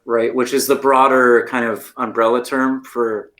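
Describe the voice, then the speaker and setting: An American man living in Taiwan co-hosts a podcast, chatting casually and telling stories packed with "like" and "right?". His medium-pitched, slightly bright voice barely moves in pitch and runs a little slow.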